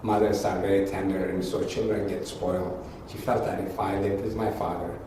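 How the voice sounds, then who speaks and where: A man in his seventies from Ethiopia, a retired professor, telling his life story in a reflective, unhurried way. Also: low-pitched, level tone. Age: 70s. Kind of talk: recorded interview. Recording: echoey distant mic with faint noise.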